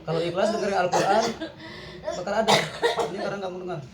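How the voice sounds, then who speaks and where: A man leading a live Islamic healing session, giving firm, repetitive commands mixed with calming words. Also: high voice, quick pace. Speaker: ruqyah healer. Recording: echoey room with a loud crowd.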